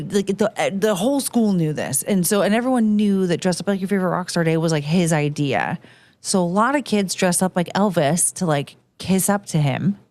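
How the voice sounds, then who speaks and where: A woman in her thirties, casually chatting on a late-night show and telling an animated, ranting story. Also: mid-range voice, no echo. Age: 30s.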